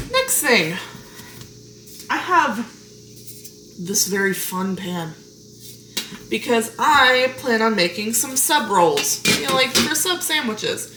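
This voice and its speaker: A woman giving a relaxed, chatty cooking tutorial while shaping bread dough at home. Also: fairly high pitch. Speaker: home baker showing a recipe. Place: home kitchen. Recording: echoey kitchen with clear background noise.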